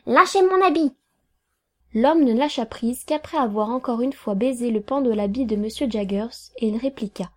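A woman reading a novel aloud in a calm, even, quietly measured narration. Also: a little high. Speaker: audiobook reader.

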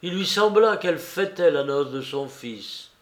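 A man reading a literary story aloud in a measured, sombre narrating voice. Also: a little high, expressive, roomy sound. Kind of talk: audiobook reading of literary prose.

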